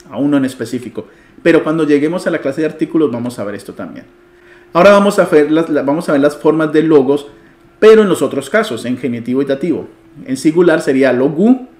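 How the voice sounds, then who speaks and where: Patient Greek tutor, male, higher voice, echoey room. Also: darkish tone. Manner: patient, asks students questions and answers them; chuckles now and then. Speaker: Biblical Greek teacher. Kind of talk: online language lesson.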